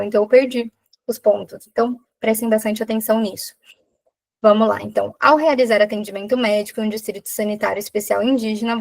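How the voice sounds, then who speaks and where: Woman tutor with a Brazilian accent and vocal fry. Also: fairly high pitch. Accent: Brazilian Portuguese. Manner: explanatory, asks the class rhetorical questions. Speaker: exam prep tutor, doctor. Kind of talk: live exam prep lesson.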